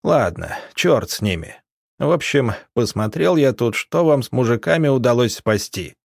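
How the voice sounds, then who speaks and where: A man's voice: medium pitch, expressive, moderate pace, gravelly, husky, no room sound, studio quality. A man playing a weary, grumbling village elder in his sixties. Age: 60s. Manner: tired, grumbling.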